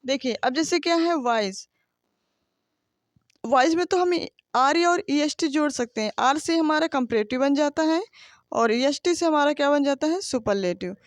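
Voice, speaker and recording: Woman teacher, high voice, dry close sound, patient explainer who keeps asking rhetorical questions. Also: expressive, normal speed, no room sound. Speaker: English grammar teacher. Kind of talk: classroom grammar lesson.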